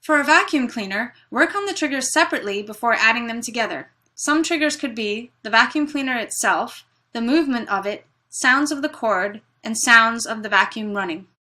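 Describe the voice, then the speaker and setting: A woman dog trainer calmly explaining a demonstration and softly praising the dog. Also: a little high, moderate pace, few pauses. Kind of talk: instructional demonstration. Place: indoors in a house. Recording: roomy sound from a distance.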